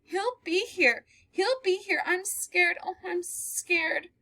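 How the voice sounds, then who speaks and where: In a dry recording, a woman reading a play takes on the role of a young woman terrified after fleeing a storm. Speaking at a moderate pace, she pushes her very high voice loud and begs in breathless, sobbing bursts, with no relief from fear throughout.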